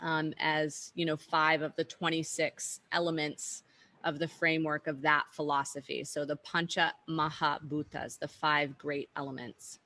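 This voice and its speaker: A woman's voice: sits low, flat delivery, unhurried, bright, forceful tone, slight background noise. A woman teaching an online workshop, explaining at an easygoing pace with frequent fillers and restarts, over a video call.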